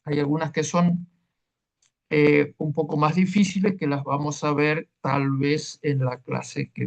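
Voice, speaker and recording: A man teaching a Hebrew class online, explaining patiently and checking in with listeners as he goes. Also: on the high side.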